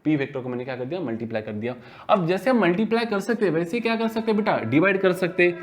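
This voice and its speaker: Chatty Hindi-physics teacher. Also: male voice, sits high, expressive, very fast, slight background noise. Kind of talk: classroom lecture.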